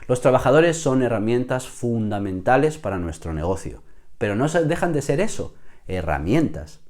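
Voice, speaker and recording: A man with a hoarse voice, explaining business mistakes to camera as a consultant, often checking in with the viewer. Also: medium pitch, very animated, moderate pace, a little mellow.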